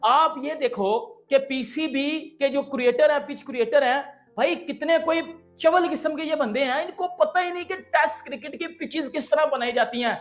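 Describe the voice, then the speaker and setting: A man's voice: very high voice, a bit bright. A young man from Pakistan giving brash, slangy, taunting cricket commentary indoors. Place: indoor room.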